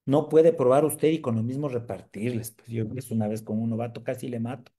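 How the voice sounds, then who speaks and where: Speaking fairly quickly at a medium pitch, a man hosts a live sales training demonstration. His style is lively, mixing jokes with questions put to the audience.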